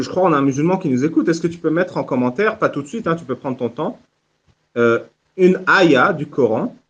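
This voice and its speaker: A man hosting a casual live audio chat, joking and often restarting his sentences. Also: fairly high pitch. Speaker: host.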